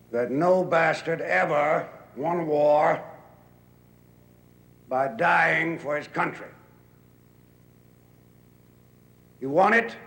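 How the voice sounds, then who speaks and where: A gruff sock puppet general, played by a man, declaims a bombastic speech in a comic puppet show. The delivery is very slow and deliberate, with a gravelly creak. The room adds a clear echo. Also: a little high, fairly bright tone, full character voice. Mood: stern, rousing. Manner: declamatory, deliberate, with long pauses. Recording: roomy echo.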